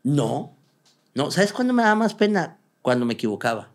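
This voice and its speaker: Fast-talking Mexican man telling stories. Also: fairly high pitch. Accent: Mexican Spanish. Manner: fast-talking, animated storyteller, slangy. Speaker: comedian guest. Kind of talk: casual interview chat.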